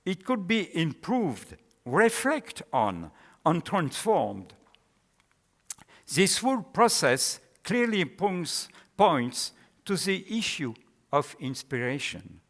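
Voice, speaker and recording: Slow French-accented male scholar in echoey hall. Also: fairly high pitch, sing-song, a bit bright. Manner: deliberate, halting phrasing. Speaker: academic presenting a paper. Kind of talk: scholarly lecture and question answering. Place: large hall with an audience. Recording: echoey hall with long reverb.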